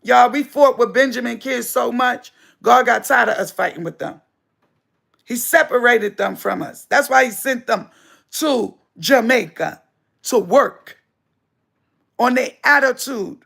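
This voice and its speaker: A woman holds forth on a spiritual livestream. Her voice is gravelly and her delivery slow and deliberate. She is emphatic and preachy and hammers points home by repeating them. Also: a little high, a bit bright. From United States. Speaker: livestream host.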